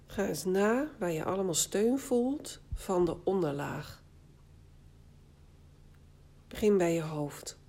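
A woman guiding a body scan relaxation exercise, speaking calmly and soothingly in short phrases with long pauses. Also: fairly low pitch. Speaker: guided meditation instructor.

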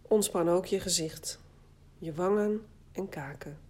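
A woman guiding a body scan relaxation exercise, speaking calmly and soothingly in short phrases with long pauses. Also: on the low side. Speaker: guided meditation instructor.

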